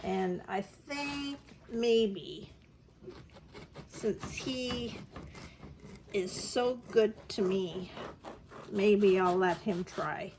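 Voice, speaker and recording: Slow-talking woman baking at home. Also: medium pitch, noisy background. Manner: homey, chatty, step-by-step. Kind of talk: casual cooking demonstration.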